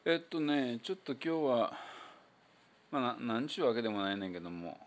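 A man with a Kansai accent giving a casual spoken English pronunciation lesson as the show's host, chatty and loose with many fillers, slowing down to demonstrate sounds. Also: medium pitch, sing-song. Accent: Kansai Japanese.

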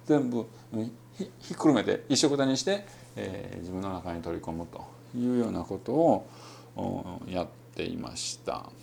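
Male podcast host with a Kansai accent: low, gravelly voice, casual and meandering lesson delivery. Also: moderate pace, slight background noise. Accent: Kansai Japanese. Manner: relaxed and rambling, many fillers; demonstrates English phrases in between. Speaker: English-learning podcast host.

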